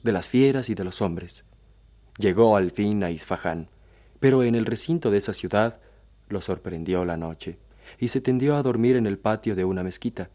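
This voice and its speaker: Slow, solemn male storyteller. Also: lowish voice, mellow. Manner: slow, measured, solemn reading. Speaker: narrator. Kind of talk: scripted story reading.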